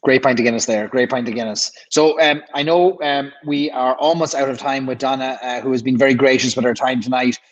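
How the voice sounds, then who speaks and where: A man's voice: medium pitch, brisk, hardly any pauses, highs cut off. A man hosting a casual livestream, chatting at ease and reading out viewer questions. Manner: relaxed, reads viewer questions aloud. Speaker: livestream host.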